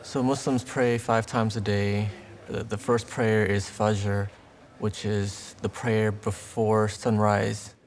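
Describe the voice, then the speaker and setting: A Navy veteran in his twenties from Texas speaks slowly in a lowish, level voice. He talks earnestly in a documentary interview, with small restarts.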